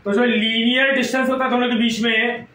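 A man's voice: extremely high pitch, level tone, brisk, bright, forceful tone, a little hiss or hum. A man with an Indian accent lecturing a physics class in a classroom. He mixes Hindi with English and keeps quizzing the students. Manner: quizzing students, repeating questions. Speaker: physics teacher. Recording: echoey room, mic at a distance.

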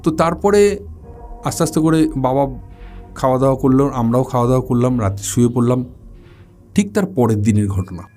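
A man narrating a first-person ghost story in a relaxed, conversational way, slipping in English words, with faint music behind. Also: medium pitch, brisk, long pauses.

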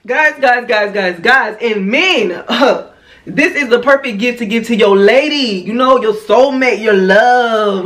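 A woman with a Haitian accent, chatting in a casual product review and talking in an animated, slangy way. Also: on the high side. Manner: animated and slangy, with a lot of "you know what I mean". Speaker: beauty vlogger.

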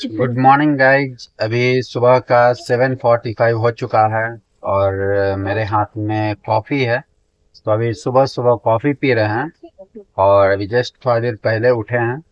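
A man's voice: medium pitch, steady tone, unhurried, highs cut off. A man, chatting casually to viewers in a travel vlog, filmed on a selfie camera at arm's length inside a train compartment. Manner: chatty, talks straight to viewers, many fillers. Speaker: travel vlogger.

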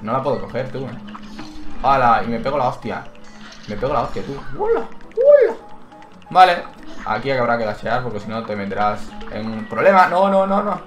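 A gaming channel host does Let's Play commentary in a medium-pitched voice at a fairly quick pace, getting excitable and yelping or crying out whenever he's hit. He thinks out loud and reads the menu text aloud, against a roomy echo with game music in the background.

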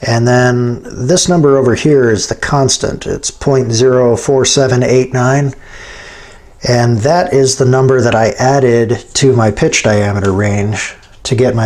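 Standing at the lathe in his home machine shop, he guides viewers through the work in a relaxed, down-home style. The medium-pitched voice has a slightly mellow quality.

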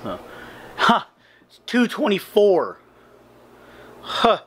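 A man in his thirties, vlogging casually in a small hotel room late at night, talking slowly and rambling with lots of fillers because he is very tired. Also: sits high, huge pitch swings, fairly bright tone, husky. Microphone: handheld camera close to face.

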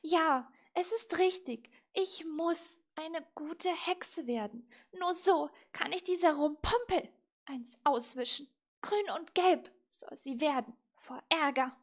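A woman's voice: high voice, slow, pitched above the performer's own voice. A woman voicing a cheeky, headstrong young girl witch, bold and pert, in a storybook reading. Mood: determined.

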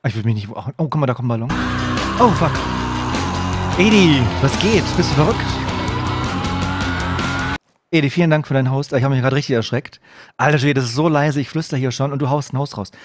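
A man streaming a game live, chatting to viewers and breaking into excited shouts, dropping to a hushed mutter when he sneaks. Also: medium pitch, racing, music in the background. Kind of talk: live gameplay commentary. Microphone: desk microphone.

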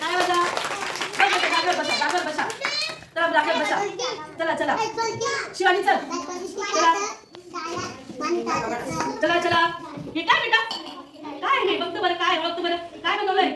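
A woman's voice: very high-pitched, fairly even intonation, a little slow, pauses often, over a noisy crowd. A woman teaching a preschool class, coaxing the children with repeated questions. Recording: echoey, distant, noisy room.

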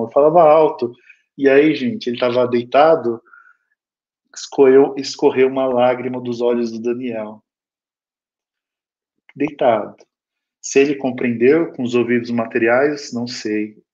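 A man's voice: a little high, a little mellow. A Brazilian man giving a spiritist lecture, telling a personal story with earnest feeling and often turning to speak directly to his listeners. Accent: Brazilian Portuguese. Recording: dull lo-fi recording.

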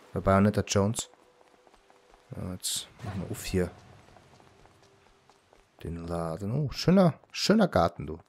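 A man casually commenting on his gameplay as a let's play host, relaxed and often muttering asides to himself. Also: lowish voice.

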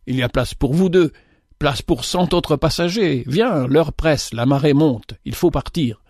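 Gentle imploring male captain, as a man reads him, storybook, mellow tone, lifted pitch. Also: measured pace, no room sound, clean studio sound. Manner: urgent, imploring. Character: pleading stranger, a gentle male ship captain.

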